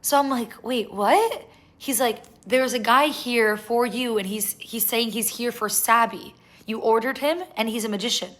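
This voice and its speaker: A young woman casually telling a story to her viewers, chatty and animated, with lots of "like". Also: on the high side. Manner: chatty, animated, fast-paced retelling with lots of "like". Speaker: vlogger.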